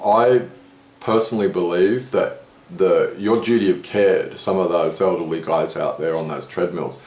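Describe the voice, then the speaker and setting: A man telling a story in casual conversation, animatedly acting out what others said. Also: moderate pace. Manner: animated retelling, voicing others with rising pitch. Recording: echoey room with faint background noise.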